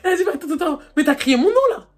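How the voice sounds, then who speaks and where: A young woman vlogger telling a casual storytime, animated and excitable, her voice jumping high when she gets embarrassed. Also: rapid-fire. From France. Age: young adult. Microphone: phone camera.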